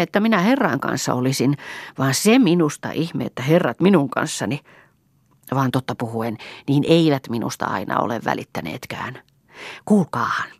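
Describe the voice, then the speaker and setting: A woman reading an impulsive, talkative young village woman in an audiobook, lively and emotional. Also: rumbling low, slightly rough, no room sound, studio quality, heavily acted. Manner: lively and chattering, quick to laugh and cry.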